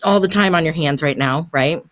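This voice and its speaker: An older woman with a low voice speaks at a normal speed, working as a podcast coach. Her conversational coaching chat is encouraging and chatty, and she often laughs mid-sentence as she makes her points.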